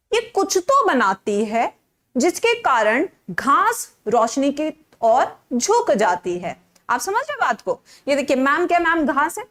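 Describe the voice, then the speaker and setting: Lively, high-voiced woman teaching biology. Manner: animated, playful, mixing Hindi and English, asks and answers own questions. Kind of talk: live online class lecture.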